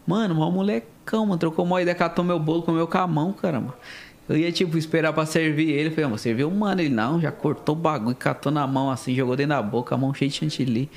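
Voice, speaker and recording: A man's voice: fairly high pitch, fast talker. A young man with a São Paulo Brazilian accent chatting casually as a podcast guest, in very slangy speech full of repeated tags. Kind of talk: casual chat. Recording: clear ambient background noise.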